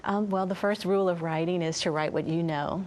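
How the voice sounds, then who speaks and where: A woman's voice: fairly even intonation, a little fast, darkish tone. A woman from Louisiana with a Southern US accent, speaking conversationally as an interview guest. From Louisiana, USA. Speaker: guest, children's author and musician. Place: TV studio. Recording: low rumbling background noise.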